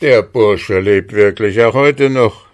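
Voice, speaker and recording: A man's voice: on the low side, slow pace. A man voicing an angry, pompous cavalry captain who blusters and threatens sternly. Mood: stern, threatening.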